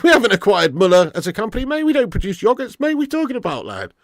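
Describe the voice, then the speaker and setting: A British man doing live football watch-along commentary and chatting casually with viewers in an animated, blokey, sweary, matey way. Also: high voice, rapid-fire, no room sound, studio quality. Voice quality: raspy, smoker's laugh.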